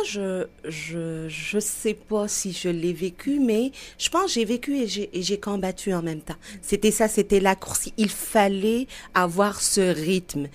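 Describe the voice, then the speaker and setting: Animated low-voiced woman from Algeria. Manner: animated, hesitant, with repeated restarts. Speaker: guest, director of an intercultural association. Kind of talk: conversational interview.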